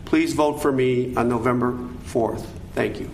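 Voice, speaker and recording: An older American man speaking in a measured, earnest and formal way, as a candidate at a forum. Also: medium pitch, fairly even intonation. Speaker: judicial candidate, attorney. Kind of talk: formal prepared statements and answers at a candidate forum. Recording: echoey room, background noise.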